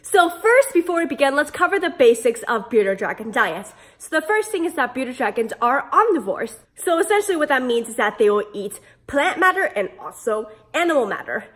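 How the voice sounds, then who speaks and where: Female pet-care vlogger, high register, hoarse smoker's rasp from being sick, casual and playful. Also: very animated, brisk, few pauses, fairly bright tone. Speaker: pet care video host. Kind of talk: casual instructional vlog.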